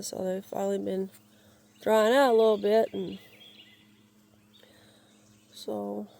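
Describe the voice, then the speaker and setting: A woman from Georgia, US, gives a halting, rambling walk-and-talk tour of her wooded yard, searching for words and restarting often. Her mid-range, mellow voice is raspy and crackly as she gets over a lingering cold. Birds and outdoor ambience fill the background.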